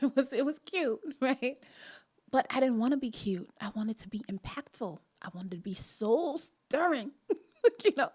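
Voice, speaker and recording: This woman's voice is fairly high-pitched, a little mellow, with a breathy edge and a Jamaican accent. Hosting a live online talk, she tells a personal story chattily and earnestly as motivational chat, laughing often between phrases.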